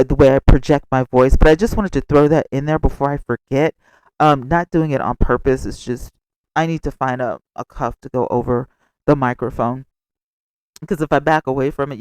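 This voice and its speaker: A man hosting a gossip vlog with casual, expressive commentary and chatty asides, speaking close to the microphone. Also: mid-range voice, smooth, no room sound, poor audio. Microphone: close microphone without a cover.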